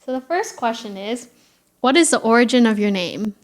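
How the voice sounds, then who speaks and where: A young woman co-hosting a casual home podcast, relaxed and slangy, laughing often into a close mic. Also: on the high side, moderate pace. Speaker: podcast co-host. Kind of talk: casual chat. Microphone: close podcast mic without shock mount.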